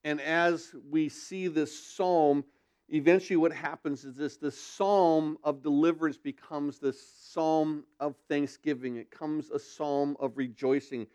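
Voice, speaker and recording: A man's voice: fairly high pitch, fairly even intonation, unhurried, darkish tone, smooth. A male pastor at a pulpit microphone, teaching a sermon and posing rhetorical questions to his congregation. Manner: asks rhetorical questions, then answers them.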